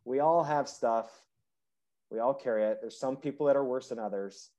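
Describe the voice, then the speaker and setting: Guy rambling on his podcast, lots of likes, middle pitch, pretty animated. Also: normal speed. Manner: rambling, animated, frequent "like" fillers. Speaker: podcast host. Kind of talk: casual political chat.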